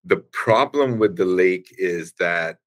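A man being interviewed on a podcast, explaining things at length in a halting way with many restarts. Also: sits low, fairly bright tone. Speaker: guest, engineering executive.

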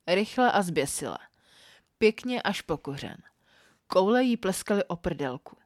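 Low-voiced woman reading an erotic story. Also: no room sound, clean studio sound. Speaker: podcast storyteller.

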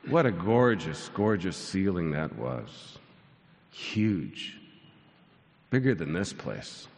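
Slow, animated pastor in his sixties. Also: low-pitched, creaky. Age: 60s. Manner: storytelling with dry self-mocking humor, building to soaring lines. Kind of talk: sermon. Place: large church sanctuary. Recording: long church hall reverb.

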